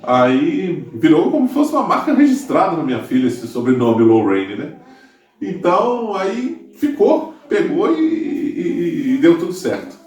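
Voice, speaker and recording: A man's voice: on the high side, sing-song, measured pace, darkish tone, far from the mic. Rambling Brazilian man in an echoey room. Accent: Brazilian Portuguese. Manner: rambling, many restarts and tag questions. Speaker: YouTube channel host. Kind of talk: casual chat to viewers.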